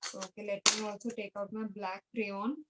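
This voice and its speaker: A woman's voice: mid-range voice, level tone, extremely slow, very noisy. A young woman with an Indian English accent, teaching an online art class to children, patient and coaxing, repeating her steps as she mixes Hindi and English.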